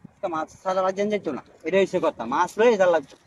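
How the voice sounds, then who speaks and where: Very high-voiced excitable man. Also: racing, dull audio, a little hiss or hum. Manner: excitable, scolding, shouts in bursts. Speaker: comic fisherman. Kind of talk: comic skit.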